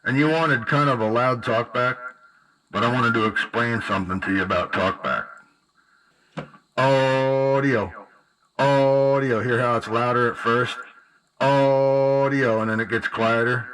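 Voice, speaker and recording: A man's voice: mid-range voice, measured pace, a bit bright, soft background music. A man casually narrating a demo of a CB radio he built, slangy and upbeat. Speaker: CB radio builder.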